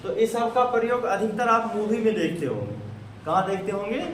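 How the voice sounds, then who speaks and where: A man with a Bihari Hindi accent teaches English in a classroom lesson, quizzing his students with the same questions again and again. His voice is high-pitched, brisk and a bit bright, with lively intonation. He's heard from across an echoey room on a distant mic, with slight background noise.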